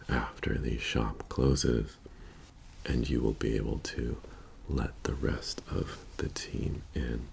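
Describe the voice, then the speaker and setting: A man in an ASMR role-play as a methodical bank heist planner, speaking in a soft-spoken, halting and matter-of-fact murmur. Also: a bass voice, vocal fry, a little hiss or hum, full character voice. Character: methodical male bank heist crew planner briefing his team.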